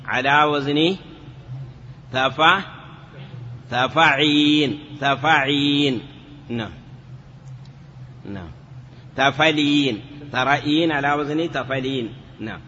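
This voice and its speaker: A male teacher giving a step-by-step Arabic grammar lesson, asking the class questions and drawing words out slowly. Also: medium pitch, sharp tone. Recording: lo-fi, hall reverb, faint noise.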